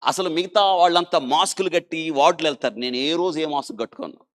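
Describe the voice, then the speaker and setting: A male doctor telling a dramatic story in an interview, swinging between loud emphasis and quiet asides and urging listeners to listen and think. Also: on the high side, fast.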